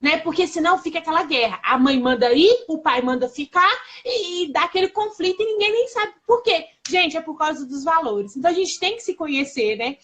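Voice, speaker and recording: High-voiced Brazilian woman sharing stories. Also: brisk. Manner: lively, confiding, often turns to listeners with "gente". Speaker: host. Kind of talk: casual conversation with personal stories.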